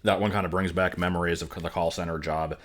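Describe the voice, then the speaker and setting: A man's voice: low voice, fairly even intonation, quick pace, fairly bright tone, slight background noise. A man streaming, giving casual, wry reaction commentary on cartoon clips.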